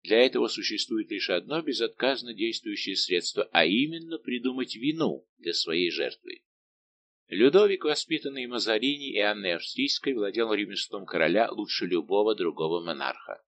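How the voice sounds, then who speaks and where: Male audiobook narrator, low-pitched, measured scripted narration. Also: animated, a bit bright, slight background noise.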